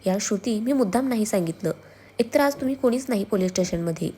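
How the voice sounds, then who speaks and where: A woman's voice: mid-range voice, expressive, quick pace, mellow, breathy edge. A woman voicing a friendly young male police colleague who jokes and apologizes. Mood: apologetic.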